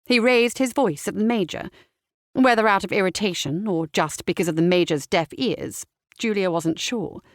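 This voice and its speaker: A woman reading a cozy mystery novel aloud in an even, wry narration voice. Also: mid-range voice, moderate pace, no echo, studio quality. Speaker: audiobook narrator. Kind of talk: scripted narration.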